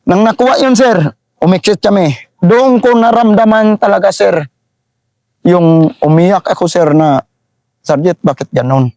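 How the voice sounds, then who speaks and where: A middle-aged man with a Visayan accent, an army sergeant telling a war story in a halting way, repeating phrases and often saying "sir". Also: high voice, a little mellow, no room sound, clean studio sound. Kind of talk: interview storytelling.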